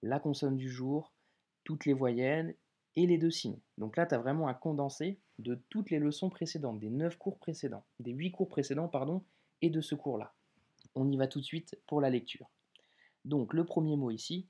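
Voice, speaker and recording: A man teaching how to read letters, talking casually and directly to the viewer and stretching out example words slowly. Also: medium pitch, dark tone, breathy edge. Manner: informal, addresses viewer as tu, drawn-out example words. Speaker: Arabic reading teacher. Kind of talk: casual video lesson.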